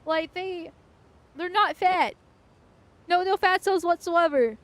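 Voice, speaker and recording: A woman's voice: very high voice, slow, fairly bright tone. A woman streaming a game with casual commentary, blunt, crude and irreverent.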